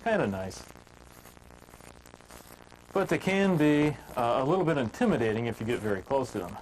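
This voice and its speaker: A man teaching woodcarving in a relaxed, homespun storytelling manner, chatting with filler words as he works. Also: medium pitch, normal speed, a little hiss or hum, low-quality recording. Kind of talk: folksy storytelling while demonstrating carving.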